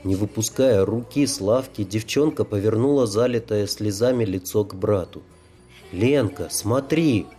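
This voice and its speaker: A man reading an audiobook in a slow, measured narration. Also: on the low side, mellow, soft background music.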